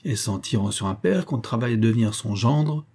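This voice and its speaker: A man voicing an angry, frightened old bourgeois father in an audiobook reading, raising his voice in shrill indignation. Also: lively intonation, a little fast, mellow, husky. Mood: indignant.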